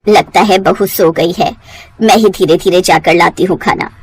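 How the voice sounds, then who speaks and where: A woman's voice: fairly low pitch, fairly even intonation, moderate pace, husky, pitched below the performer's own voice. A woman doing a meek elderly mother-in-law.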